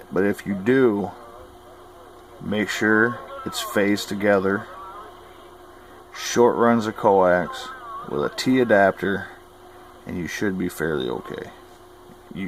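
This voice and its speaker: In a low voice, with a little hiss or hum on the recording, a radio hobbyist offers informal how-to advice. He is folksy, plain-spoken and opinionated.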